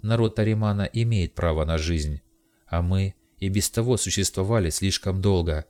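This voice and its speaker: A serene, detached ancient woman who states things plainly and coolly, as a male narrator reads her lines. The delivery stays low and even, recorded dry and close. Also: normal speed, dry recording, close to an everyday voice. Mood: calm. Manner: calm, detached. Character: calm woman, ancient evolved being. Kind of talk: audiobook character reading.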